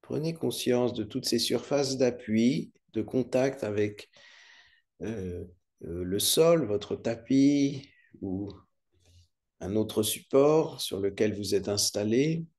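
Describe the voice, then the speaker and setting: A man leading a guided meditation as a yoga nidra instructor, calm, soothing and unhurried, with long pauses. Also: mid-range voice.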